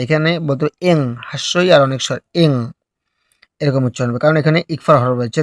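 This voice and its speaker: A man teaching recitation step by step, explaining slowly and patiently before drawing out each phrase in a melodic chant. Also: mid-range voice, no echo, clean studio sound.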